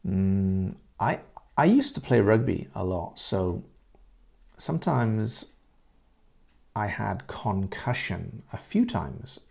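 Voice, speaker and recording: A middle-aged Englishman from Great Britain, an English teacher asking and answering conversation questions and repeating phrases slowly for learners. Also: lowish voice, sing-song, gravelly, a little mellow.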